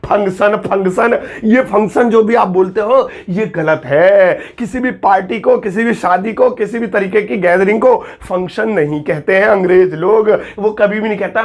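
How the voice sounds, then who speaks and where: Playful high-voiced man teaching English. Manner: playful, joking, mixes Hindi with English phrases. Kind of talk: casual Hindi video lesson.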